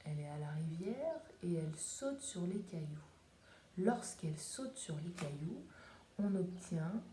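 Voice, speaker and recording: Speaking expressively at a measured pace in a fairly low, dark voice, this preschool teacher demonstrates a craft step by step for young children at home, narrating while she paints and cuts. Faint background noise and room echo are audible.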